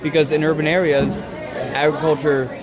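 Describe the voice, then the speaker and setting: Young man amid loud crowd chatter. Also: a little high, little pitch movement. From Lexington, Kentucky. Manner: earnest, halting and rambling. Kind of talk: casual interview chat. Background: loud crowd in a public space.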